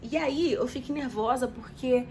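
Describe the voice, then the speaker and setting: A young woman vlogger with a high-sitting, darkish voice tells her viewers a story to camera at normal speed, chatty and dramatic. A faint hiss or hum runs underneath.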